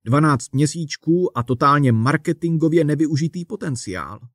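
A man's voice: on the high side, expressive, no echo, studio quality, natural voice. A man reading the part of a pushy, self-satisfied manager in a striped suit, talking like a salesman. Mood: bossy. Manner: brisk, salesman-like, lecturing.

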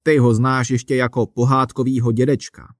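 A man's voice: medium pitch, level tone, no room sound, clean studio sound, close to an everyday voice. A man reading the part of a mocking old hippie, drawling his questions. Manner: sneering, drawling.

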